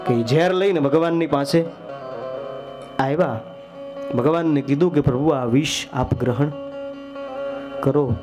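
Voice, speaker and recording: A young man telling a devotional story sermon, acting out the characters with sudden high, loud outbursts. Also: measured pace, pauses often, music in the background. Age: young adult. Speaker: storyteller preacher.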